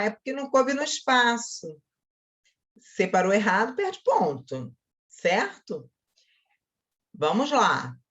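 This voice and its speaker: A woman teacher with a Brazilian accent giving a grammar lesson to schoolchildren, talking straight to her pupils and slowly sounding out syllables. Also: on the low side, lo-fi sound. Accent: Brazilian Portuguese. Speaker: Portuguese teacher.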